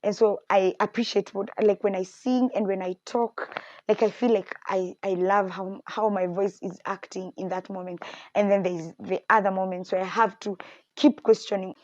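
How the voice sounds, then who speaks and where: In this personal faith talk, a podcast host who is a young woman opens up frankly about her beliefs and insecurities at a moderate pace. Her mid-range voice turns lively when she quotes other people, and the muffled recording has no echo.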